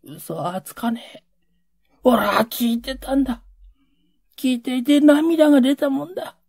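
A man voicing a rough, emotional working-class Edo man who pleads in coarse old Edo street speech. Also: very high voice, unhurried, a little mellow, dry recording, studio quality, pitched above the performer's own voice, full character voice. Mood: anguished.

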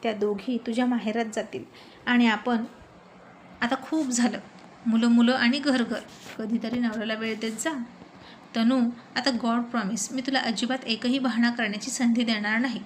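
A woman's voice: fairly high pitch, steady tone, normal speed, slight background noise, close to an everyday voice. A woman doing a teasing young husband. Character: playful teasing husband, young adult man.

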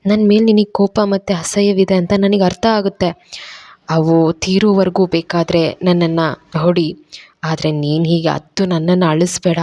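A woman voicing a soft-spoken, remorseful young man. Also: lowish voice, dry recording, studio quality. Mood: pleading. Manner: soft, hushed, pleading. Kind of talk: dramatized story reading.

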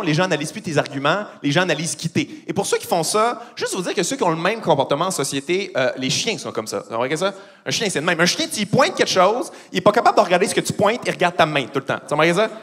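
On a large theatre stage before a live audience, a man with a Québécois French accent performs a profane stand-up routine and teases the crowd. His voice sits on the high side and is fairly bright.

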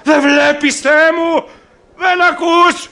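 A man's voice: very high-pitched, lively intonation, creaky, sharp tone, exaggerated voice. An actor playing a lamenting man of a besieged city, mournful and declamatory, in an old radio drama. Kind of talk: classic radio drama acting. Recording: old archival radio recording.

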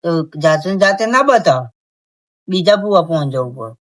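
A man's voice: fairly high pitch, lively intonation, moderate pace. A man with a Gujarati accent playing a worried villager in an amateur comedy skit.

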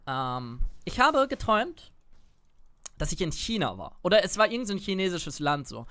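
This gaming streamer, an Italian-born man in his twenties, has a high-pitched, very animated voice at normal speed, pushed and bright. He rambles casually to viewers about his gameplay from an indoor setup, close to a desk mic and wearing a headset, and the recording is clean and dry.

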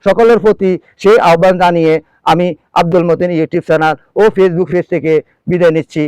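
A middle-aged Bangladeshi man who farms and presents farming videos has a high, steady, brisk voice, darkish, clear, and resonant, with no room sound. His advisory talk is earnest and emphatic, almost pleading, and repeats key phrases.

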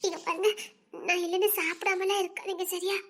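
A woman playing a gentle, devoted young village woman who speaks softly and humbly. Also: extremely high pitch, little pitch movement, a little fast. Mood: tender. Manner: soft, tender and humble. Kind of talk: audio drama acting.

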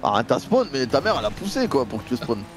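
A man's voice: medium pitch, big pitch swings, fast talker. A man playing an online role-play game, bantering casually and repeating his phrases insistently.

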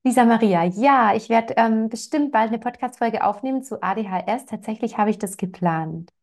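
A woman's voice: fairly high pitch, moderate pace, darkish tone. A woman working as a parenting coach, answering parents' questions in a direct, reassuring way and speaking to them by name.

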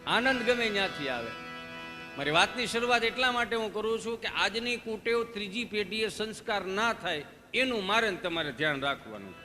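A man's voice: high-pitched, animated, brisk. A man doing live folk comedy on stage, telling folksy stories and acting out the dialogues. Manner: folksy storytelling, asks the audience questions, acts out dialogues. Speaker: stand-up comedian. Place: live stage show before an audience. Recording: stage hall reverb with faint music.

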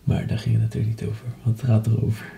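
A man's voice: lowish voice, completely flat delivery, rapid-fire, creaky, warm tone, a little hiss or hum. A man chatting casually in slang, coaxing a friend along. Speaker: friend helping with the experiment. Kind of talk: casual chat. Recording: dull sound, music laid under. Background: background music.

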